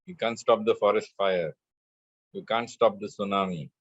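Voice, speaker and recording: A man teaching spiritual lessons in a measured way, chanting scripture verses between his explanations. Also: on the low side, steady tone, husky, no echo, lo-fi sound. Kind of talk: spiritual discourse with scripture recitation.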